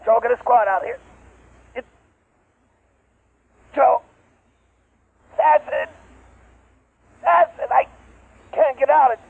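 A man's voice: medium pitch, no room sound. An actor playing a male field captain, heard through a throat-mic transmission in an old radio drama. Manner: casual, then panicked. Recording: tinny old radio broadcast.

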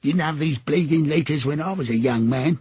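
A man's voice: a little high, moderate pace, a little mellow, husky, dry recording. A man voicing a pugnacious, grumbling old working-class drinker, in an audiobook. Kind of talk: audiobook character voice. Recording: dry, dull lo-fi.

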